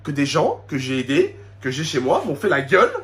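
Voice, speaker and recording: A man's voice: a little high, wildly swooping pitch, brisk, fairly bright tone. A man with a French suburban street accent, ranting indignantly to his subscribers in street slang with Arabic interjections, repeating himself and asking rhetorical questions. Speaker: YouTuber addressing subscribers. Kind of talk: emotional spoken rant to camera.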